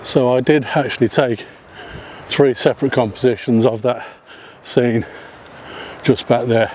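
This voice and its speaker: Measured in pace, with a steady, medium-pitched voice, a man narrates his photography vlog while walking outdoors on a hillside path above a seaside town. He's not Welsh, and he talks chattily, often umming and correcting himself.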